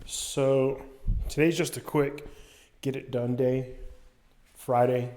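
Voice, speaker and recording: A man's voice: medium pitch, steady tone, slow pace, warm tone. Reflective man talking casually to camera. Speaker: vlogger documenting a cold plunge challenge. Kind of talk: casual personal vlog, reflective talk to camera.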